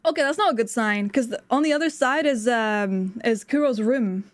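A woman's voice: fairly high pitch, moderate pace. A woman streamer chatting casually with her viewers while she eats and plays a game. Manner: chatty, eating while talking, laughs often. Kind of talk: casual live-stream chat while gaming and eating.

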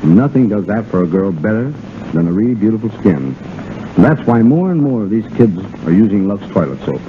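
On a 1930s radio broadcast, an American dance director sits in as guest and delivers scripted, wisecracking banter in colloquial speech. His fairly low voice is sing-song and brisk. The sound is narrow-band period radio with faint noise.

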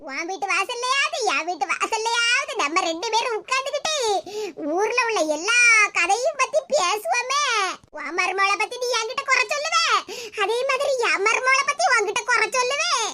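A woman's voice: very high-pitched, lively intonation, moderate pace, heavy background noise. A woman voicing a weepy, gossiping old woman who laments her friend's condition, speaking with a Tirunelveli Tamil accent in a chatty manner. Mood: lamenting.

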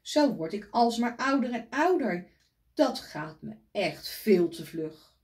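A woman's voice: a little high, big pitch swings, takes it slowly, a little mellow. A woman voicing a worried male elephant in a picture book she reads aloud, talking in an earnest, fretting way. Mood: fretful. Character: fretful male elephant, anxious about time.

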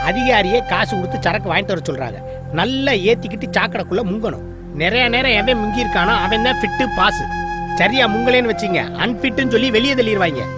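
An actor playing a wisecracking, drunken sewer worker in a film comedy. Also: male voice, high-pitched, close to an everyday voice. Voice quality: dry, quick wisecracks. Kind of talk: Tamil film comedy acting. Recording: film soundtrack with music behind.

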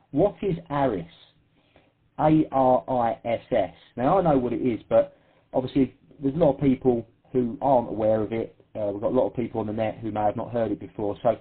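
A man's voice: mid-range voice, slightly rough. A man with an Essex accent hosting an amateur radio net, chatty and self-deprecating, laughing easily as he calls in guests. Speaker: net control host. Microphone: radio transceiver. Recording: tinny radio transmission.

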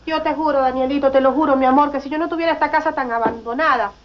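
An actress playing a brash, quick-tempered mother with a Venezuelan accent in a telenovela. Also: high voice, fairly even intonation, lightly acted. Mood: tender. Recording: dull TV audio with music.

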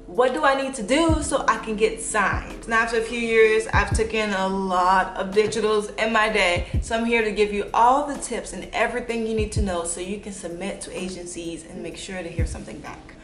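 A woman's voice: medium pitch, moderate pace, hardly any pauses. A young woman in her twenties chatting casually to camera as a modeling vlogger, playful and bubbly with jokey asides. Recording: echoey room with music playing. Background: music.

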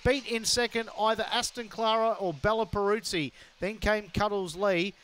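An Australian man calling a greyhound race in an urgent, rising, excited race-caller delivery. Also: high voice, moderate pace.

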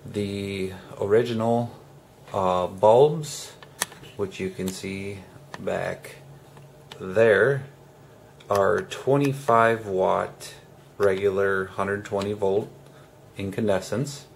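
A homesteader hosting a DIY tutorial explains a hands-on task in a casual, unhurried manner, his voice low and heavily creaky. He speaks haltingly in short phrases, often pausing mid-sentence. A steady room noise hums in the background.

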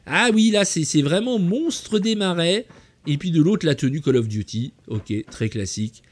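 A man's voice: a little high, animated, normal speed. A man hosting a gameplay tour, chatting in a jokey, enthusiastic way. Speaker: game channel host. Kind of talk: playful gameplay tour commentary.

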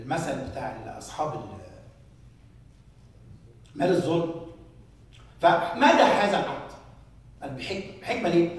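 Egyptian priest, rapid animated sermon, lively pitch, distant mic in a very echoey church with faint room noise. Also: male voice. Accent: Egyptian Arabic. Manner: animated storytelling, rhetorical questions.

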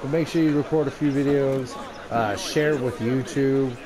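An American gamer records a let's play, rambling casually into a noisy headset mic with video game ambience behind him. His medium-pitched voice is steady, at normal speed, and crowd noise can be heard.

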